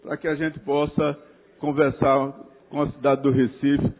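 A man's voice: mid-range voice, little pitch movement. Councilman, tinny echoey chamber. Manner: formal and critical, addresses colleagues as Your Excellency, halting restarts. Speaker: city councilor. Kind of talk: formal speech in a council chamber. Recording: reverberant chamber over a tinny narrow-band feed.

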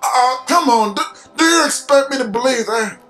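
Man as excitable young male hero, high pitch, incredulous, exclaiming, video game dialogue, music behind. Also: moderate pace. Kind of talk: amateur voice acting of game dialogue.

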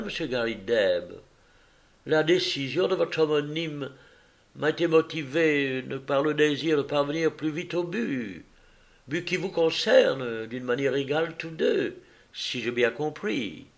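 A composed, sharp-eyed detective, as a male narrator voices him, measured and patient. Slow, deliberate storybook delivery with polite precision. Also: a little high, expressive, gravelly, pitched above the performer's own voice.

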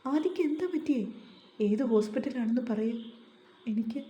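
A woman's voice: on the high side, moderate pace, mellow, natural voice. A woman doing a frantic, tearful young woman. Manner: crying, pleading. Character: frantic young woman, terrified for her fiancé. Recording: echoey room.

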